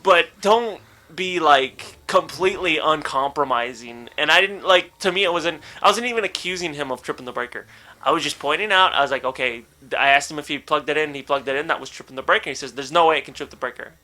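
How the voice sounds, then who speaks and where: A young man talks through a casual gaming podcast with a very bright, slightly high voice. He tells stories animatedly, swearing freely and laughing along the way. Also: a little fast. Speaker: podcast co-host.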